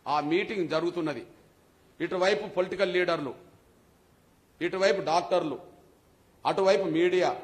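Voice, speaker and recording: A man with a Telangana Telugu accent giving a public speech at a meeting, telling a story with passion and repetition. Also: high voice. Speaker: speaker at a community leaders' meeting.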